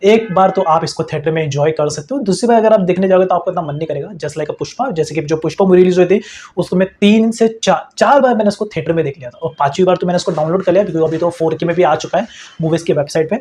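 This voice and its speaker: A man's voice: sits high, quick pace, darkish tone. A man giving his casual opinion, rambling and breaking off mid-word. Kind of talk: casual chat.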